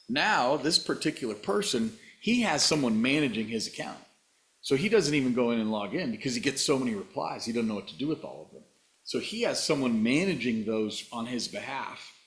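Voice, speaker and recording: A man's voice: mid-range voice, fairly bright tone, reverberant. A middle-aged man giving an enthusiastic, explanatory webinar demo over a video call. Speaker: webinar presenter.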